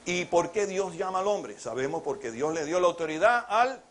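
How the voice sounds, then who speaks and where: A man's voice: high-pitched, expressive, normal speed, a bit bright, a little hiss or hum. A man preaching a sermon with rhetorical questions, acting out biblical dialogue as he goes.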